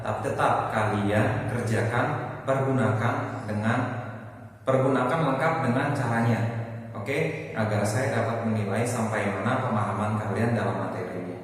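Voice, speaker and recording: A man's voice: medium pitch, moderate pace. A male teacher explaining math step by step, in a patient sing-song way. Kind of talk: math lesson. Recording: echoey room from far off.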